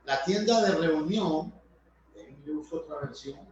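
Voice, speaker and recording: Male preacher, high lively delivery, heavy room echo, faint background hum. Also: measured pace, muffled recording. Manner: emphatic, addresses listeners as brothers and friends. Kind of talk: sermon. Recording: very echoey room, voice from far off.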